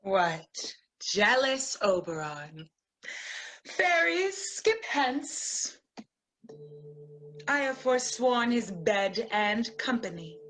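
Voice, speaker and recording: A woman's voice: a little high, sing-song, drawn-out words, long pauses, fairly bright tone, exaggerated voice, low-quality recording. A woman playing a proud, defiant fairy queen in a hammy, declamatory Shakespearean stage style. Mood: scornful, mocking. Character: proud, defiant fairy queen, scornful of her jealous husband.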